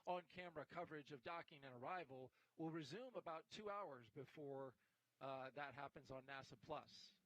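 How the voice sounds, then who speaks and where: A man's voice: fairly high pitch, normal speed, a bit bright, dry recording, poor audio. A middle-aged American man hosting a live launch broadcast on a studio headset. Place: indoor broadcast studio desk.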